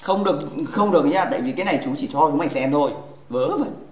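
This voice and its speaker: A man with a fairly high voice chats casually on a gaming livestream, joking and teasing his viewers as he talks. He rambles and keeps restarting his sentences. His voice bounces around an echoey room. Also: expressive, fast, darkish tone. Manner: playful and teasing, joking with chat.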